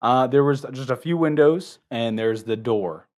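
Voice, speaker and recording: A man narrating as game master of a tabletop game, describing scenes with frequent pauses. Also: medium pitch, a little mellow.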